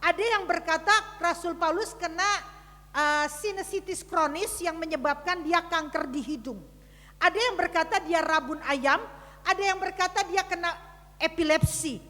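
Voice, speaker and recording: A woman preacher giving a dramatic sermon to her congregation, telling a story with big swings from loud to hushed. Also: very high voice, normal speed, big-room sound. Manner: addresses the congregation directly. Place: church service.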